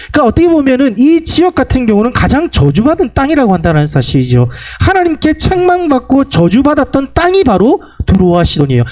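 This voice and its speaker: A middle-aged male pastor preaching a Sunday sermon. He tells stories and keeps putting questions to his congregation. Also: a little mellow. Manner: storytelling, asks the congregation questions; swings between high pleading and low drawn-out endings.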